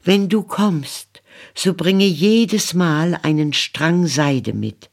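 A woman's voice: fairly low pitch, very slow, creaky, voice pushed up, exaggerated voice. A woman reading a fairy tale audiobook, voicing a naive young girl locked in a tower who pleads and wonders in a childlike way. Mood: hopeful.

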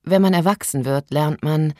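A mild, weary father giving advice, read by a woman in an audiobook. The voice is low, calm and resigned. The sound is very dry. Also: moderate pace, no room sound, natural voice. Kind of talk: audiobook character voice.

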